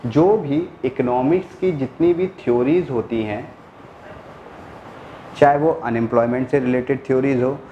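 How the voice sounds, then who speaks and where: A man's voice: medium pitch, a little slow, roomy sound, highs cut off, slight background noise. A male teacher giving a lecture, explaining step by step, repeating key words and answering his own questions. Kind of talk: classroom lecture.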